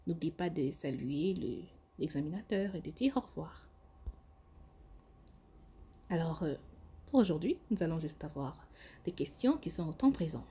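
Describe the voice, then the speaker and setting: A woman giving an English lesson, modelling phrases slowly and carefully. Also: sits low, animated, mellow, slight background noise. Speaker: English teacher. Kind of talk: language lesson.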